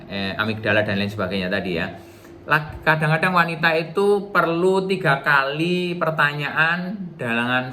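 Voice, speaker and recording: Bright-voiced Indonesian-speaking seminar trainer man. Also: mid-range voice, slight background noise. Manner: casual, chatty, acts out little dialogues. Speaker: workshop trainer. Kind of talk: relationship seminar talk.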